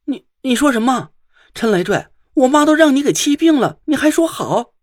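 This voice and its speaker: A temperamental young woman, as a male narrator puts her on, pitched higher and husky-edged, with a lively, swinging delivery. She talks curtly and indignantly in an audiobook-style story. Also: normal speed, no room sound, studio quality, exaggerated voice. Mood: angry.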